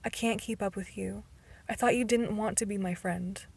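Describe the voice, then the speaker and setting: Irritated teen girl, sarcastic, breathy, narrow pitch, read by a woman. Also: steady tone, normal speed, a little mellow.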